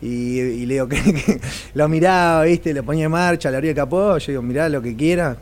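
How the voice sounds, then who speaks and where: A man's voice: on the high side, brisk. A young Argentine man, a racing driver guest, telling anecdotes and acting out the dialogue. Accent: Argentine Spanish. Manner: animated storyteller, acts out dialogue. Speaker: race car driver guest.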